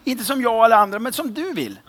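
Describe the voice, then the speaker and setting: A man's voice: very high-pitched, animated, fairly bright tone. A young man preaching a casual, joking sermon, informal and rambling with fillers. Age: young adult.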